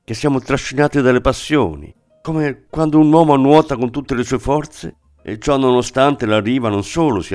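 A man reading literary fiction aloud in a measured, reflective manner, with faint music behind. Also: medium pitch, a little mellow. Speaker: audiobook narrator. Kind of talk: scripted literary narration.

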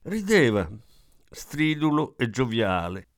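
Casting: male audiobook narrator, lively melodic reading, dry close sound. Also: medium pitch, takes it slowly, no room sound. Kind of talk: scripted narration of a literary story.

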